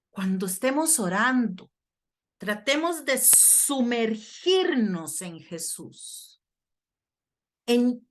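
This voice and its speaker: A woman's voice: a little high, a bit bright. A middle-aged woman from Costa Rica preaching earnestly at a prayer workshop and reading scripture aloud. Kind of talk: sermon.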